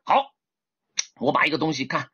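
A lively, fairly high-voiced man teaches English vocabulary in an animated livestream lesson, his pitch swooping up in sudden exclamations. His voice is husky and a little rough. The audio is dull and lo-fi. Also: moderate pace. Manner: animated, asks viewers to type one.

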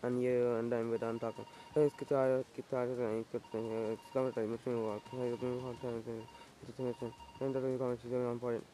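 A man giving excitable, self-mocking commentary while playing a video game, swearing at it when things go wrong. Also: mid-range voice, a little fast, few pauses, slight background noise. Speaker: gaming YouTuber. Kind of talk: let's-play commentary.

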